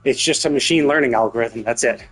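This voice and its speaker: Quick-paced and slightly breathy, this medium-pitched male voice belongs to a streamer playing a story game. Over game music, he rambles casually, repeating himself and stressing his points.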